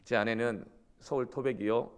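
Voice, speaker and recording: A man's voice: mid-range voice, fairly even intonation, normal speed, clean tone. A male pastor from South Korea preaching a sermon in an emphatic storytelling manner.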